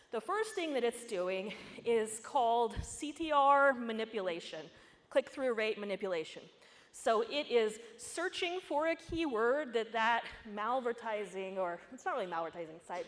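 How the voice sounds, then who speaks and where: A woman giving a security conference talk in a casual, conversational way, with asides and jokes. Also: mid-range voice. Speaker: conference speaker. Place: conference hall. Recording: echoey conference hall.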